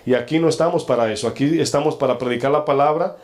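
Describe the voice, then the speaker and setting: A male pastor giving a stern, confrontational sermon. He asks the congregation rhetorical questions and slows down when he reads scripture aloud. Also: mid-range voice, darkish tone.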